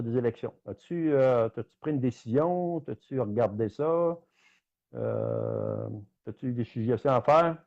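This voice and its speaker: A man's voice: medium pitch, dark tone, lo-fi sound. A man with a Québécois French accent hosting a live stream, reading viewer comments aloud and chatting straight to his audience. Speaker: livestream host.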